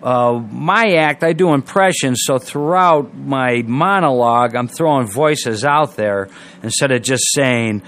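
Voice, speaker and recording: An older comedian explaining his craft in a relaxed, rambling way, full of fillers. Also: mid-range voice, a little slow. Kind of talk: casual explanation.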